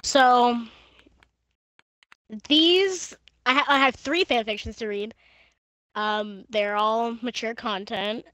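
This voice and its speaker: A young woman with a fairly high voice talks into a gaming headset from home, crude and giggly between flat, monotone reading. The sound is dry and close, with no room around her. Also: slow, pauses often, no echo. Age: young adult. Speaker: gaming streamer. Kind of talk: casual stream chat and reading fan fiction aloud.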